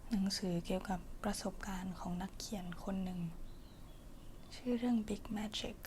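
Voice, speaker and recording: A woman voicing a caring girlfriend in a whispered role-play, soft breathy pillow talk, as if reading her partner to sleep. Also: mid-range voice, steady tone, moderate pace, a little hiss or hum, natural voice. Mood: soothing, tender.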